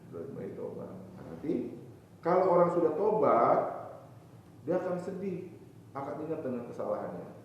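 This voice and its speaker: A man preaching at a boarding school, lively, asking his listeners questions and answering them himself. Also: a little high, normal speed, pauses often, slight background noise. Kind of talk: evening religious talk to students. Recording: distant, echoey hall, dull lo-fi sound.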